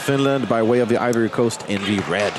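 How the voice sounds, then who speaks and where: A man's voice: medium pitch, fast talker, heavy background noise. A man giving analytical live sports commentary on a fight. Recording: loud arena music and crowd.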